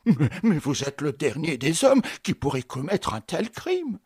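A man voicing a frightened old concierge who stammers and asks shrill, disbelieving questions, in an audiobook reading. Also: sing-song, a little slow, darkish tone, breathy edge, no room sound, studio quality, full character voice. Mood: incredulous. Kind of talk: audiobook character voice.

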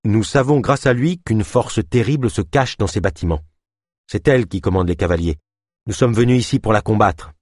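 A calm, even-voiced young healer of about twenty, as a male audiobook reader plays him. He speaks steadily and without hurry, the tone low and dry in a close, quiet read. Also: moderate pace, no echo, close to an everyday voice.

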